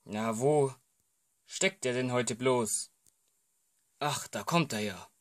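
A man voicing every character in a homemade comedy film, playful and hesitant, jumping between voices. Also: slow pace. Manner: playful, jumps between voices with sudden pitch shifts; hesitant, many fillers. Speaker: amateur filmmaker voicing all characters.

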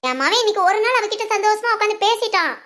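Cartoon casting: woman doing a very high, sharp-voiced jealous mother-in-law who grumbles and scolds. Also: expressive, fast. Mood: scheming. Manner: grumbling, scolding lament, full of village insults. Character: scheming bitter older mother-in-law, jealous of her son's wife. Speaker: cartoon voice actor. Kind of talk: cartoon family drama acting.

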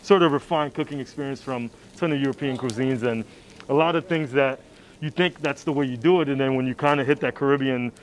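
Chef explaining his cooking, relaxed. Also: mid-range voice, fast talker, a little hiss or hum. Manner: relaxed, explanatory, many fillers. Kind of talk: documentary interview. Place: rooftop grill, outdoors.

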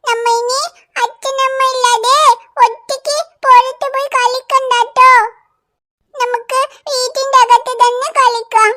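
A bright tiny cartoon girl. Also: little pitch movement, unhurried, heavily acted. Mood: soothing. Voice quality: high childlike voice. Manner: earnest, soothing toward her baby brother. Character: little girl, caring older sister. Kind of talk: cartoon voice acting.

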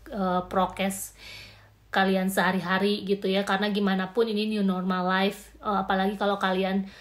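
A woman in her thirties, born and raised in Indonesia, talking casually into a phone camera in a small indoor room. She speaks animatedly, gesturing as she talks and pausing often on fillers. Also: mid-range voice, a bit bright. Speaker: vlogger. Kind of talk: casual vlog commentary.

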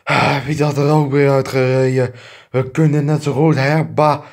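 A man's voice: medium pitch, little pitch movement, normal speed, lightly acted. A man improvising a comic fan dub of two clumsy adult male neighbors who bicker, trading crude insults and swearing. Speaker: fan dubber.

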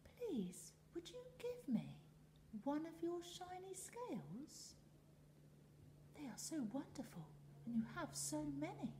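A woman reading a storybook aloud, voicing a timid little male blue fish who pleads softly. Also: high voice, wildly swooping pitch, slow, voice pushed up, heavily acted. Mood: pleading. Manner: pleading, soft and breathy. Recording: echoey room, faint noise.

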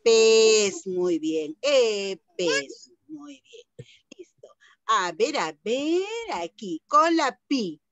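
A woman teaching young children an online lesson, sounding out syllables in a slow sing-song way, heard through a computer mic on a video call. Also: medium pitch, expressive, muffled recording.

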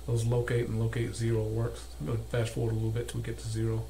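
An older man demonstrates calibration as a technician at his workbench, talking through the tutorial step by step in a cluttered indoor electronics workshop. He speaks fast and monotone in a mid-range voice with vocal fry, recorded in a noisy room.

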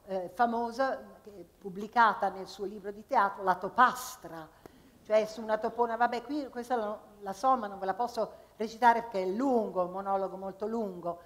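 A woman performer speaking to a live audience, introducing and reciting comic poems with pauses and restarts. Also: mid-range voice. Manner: chatty and unhurried between pieces, with pauses and restarts. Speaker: actress performing at a festival. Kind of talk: live stage talk and poetry recital. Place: stage in a hall before an audience. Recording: live hall with long reverb.

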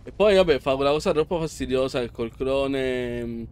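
A man hosting a let's play, commenting excitably and yelling and pleading at the boss. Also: medium pitch, moderate pace, a little hiss or hum. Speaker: gameplay channel host.

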